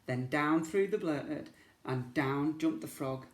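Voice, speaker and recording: A man tells a children's story expressively and with drama. He takes it slowly and deliberately, and the recording has a clear room echo. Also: on the high side. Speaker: storyteller reading to young children. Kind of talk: expressive picture-book reading. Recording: roomy, echoing indoor recording.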